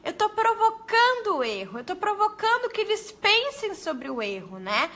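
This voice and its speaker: A woman, a pedagogue, giving a lively live lesson to teachers and talking straight to her viewers. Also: very high voice, normal speed. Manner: lively, animated, addresses viewers as "gente".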